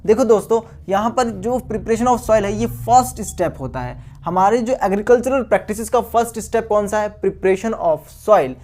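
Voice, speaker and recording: This recorded science lesson for schoolkids comes from a male teacher whose high, slightly mellow voice moves fairly fast with few pauses. Calling his listeners friends and guys, he asks questions, answers them himself, and keeps repeating the important terms.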